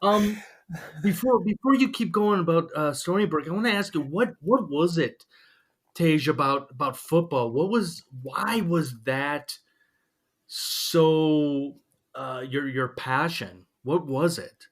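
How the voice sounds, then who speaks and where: Man, podcast host, casual interview chat, halting, restarts, fillers. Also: on the high side.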